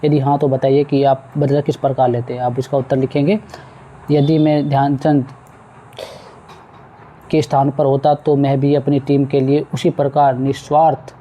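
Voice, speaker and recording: A man's voice: medium pitch, mellow, highs cut off, slight background noise. A man teaching a school lesson, patiently walking pupils through a textbook exercise and repeating words as he goes. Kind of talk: explaining a textbook exercise to students.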